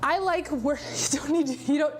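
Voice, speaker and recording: A woman's voice: high voice, normal speed. A woman livestreamer chatting casually while exercising, winded, giggly and often breaking off to restart her sentences. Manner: giggly, hesitant, self-interrupting. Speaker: livestreamer and VTuber.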